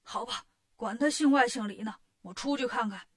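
A woman's voice: on the high side, moderate pace, natural voice. A woman voicing a sly, bullying male demon king in a storybook tale, blustering and scheming. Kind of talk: storybook character voice.

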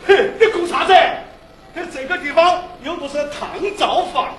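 A bossy rough innkeeper, played by a man, barks and mocks in a Sichuanese accent, his voice pitched very high and bright. Heard on an echoey stage recording with faint noise, as in a Sichuan opera scene. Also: lively intonation, normal speed. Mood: bullying. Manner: bossy, mocking, calls himself "老子". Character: blustering rough middle-aged male innkeeper. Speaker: opera actor. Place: theater stage.

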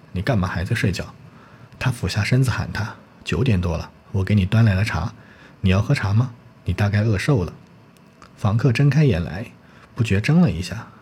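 A man narrating a translated novel in a steady, low voice, reading along at an even storytelling pace. He trips over a word now and then and corrects himself. A faint hiss of ambience runs underneath. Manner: steady storytelling with occasional slips. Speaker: audiobook narrator.

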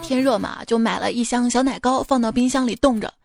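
A woman's voice: on the high side, fairly quick, creaky. A woman radio host telling funny family anecdotes in a chatty, amused manner. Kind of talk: comic storytelling. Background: faint music.

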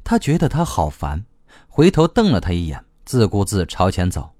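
Lively, low-voiced male audiobook narrator. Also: moderate pace, dry recording, studio quality. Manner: lively, expressive reading.

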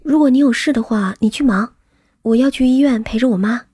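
A woman reading aloud, voicing a quiet, reserved young woman who speaks softly and with restraint. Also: a little high, a little fast, husky, no room sound, studio quality. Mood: calm.

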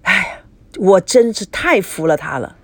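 A cocky young man who keeps needling his friend, as a woman reads him out. His lines swing lively up and down, recorded dry and close. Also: medium pitch, measured pace, dry recording. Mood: teasing. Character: smug, teasing young man, a sly friend.

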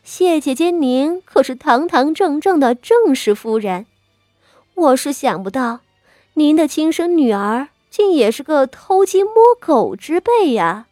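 A scheming concubine drips sarcasm and sighs through her taunts, voiced by a female narrator. Her voice sits high and unhurried. The recording is dry with faint music underneath. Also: lively intonation, darkish tone, dry recording. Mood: sneering. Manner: mocking, sighing, sarcastic. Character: sneering scheming concubine, middle-aged woman.

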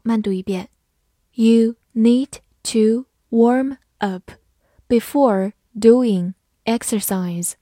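A woman, a native Chinese speaker, teaching English vocabulary in a scripted lesson, spelling words out letter by letter and reading example sentences slowly. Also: medium pitch, mellow, dry recording, studio quality.

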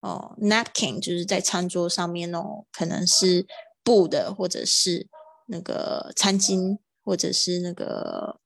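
Lady teaching english words on a stream, kinda gravelly, stretches the words out slow. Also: on the low side, level tone, no room sound. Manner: slow drawn-out model pronunciations between quick explanations. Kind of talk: livestreamed vocabulary lesson.

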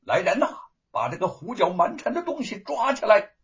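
A male storyteller voicing a rude, bullying gatekeeper servant who barks orders at an intruder in a husky voice. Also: on the high side, sing-song, normal speed, voice pushed up. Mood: angry shouting. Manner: gruff, bullying shouts. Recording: dull lo-fi recording.

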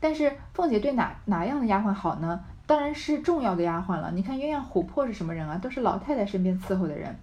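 A woman's voice: mid-range voice, lively intonation, quick pace, hardly any pauses, dark tone. A woman reading and explaining a classic novel in a casual, chatty way, asking her listeners rhetorical questions.

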